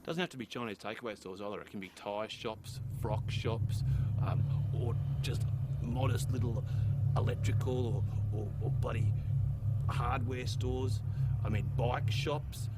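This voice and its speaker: A man's voice: mid-range voice, steady tone, measured pace, heavy background noise, natural voice. An actor playing a brash, scheming male crook, rambling and swearing heavily in a radio drama. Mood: conspiratorial.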